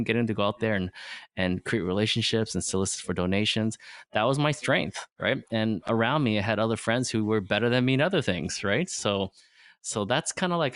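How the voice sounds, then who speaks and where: On a podcast, a man in his forties whose first language is Vietnamese explains motivational ideas earnestly and simply, repeatedly checking in with "right?" His voice sits on the low side and is a bit bright, with no room sound.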